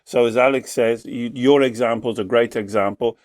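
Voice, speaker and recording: A man working as a life coach and podcast host, teaching in a slow, emphatic way and repeating his key phrases for effect. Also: medium pitch, steady tone, a little mellow, dry recording, clean studio sound. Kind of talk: reflective teaching talk.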